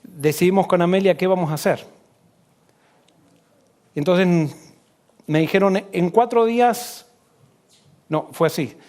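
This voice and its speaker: Middle-aged pastor guy telling a story in a sermon, kinda higher voice, goes quiet on the quotes. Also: steady tone, measured pace, pauses often.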